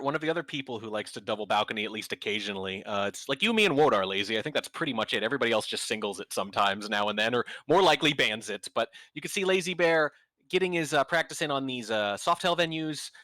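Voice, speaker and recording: Bright-voiced joking male esports caster. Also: mid-range voice, expressive, quick pace, no echo. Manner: sarcastic, joking, chatty analysis. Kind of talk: esports commentary.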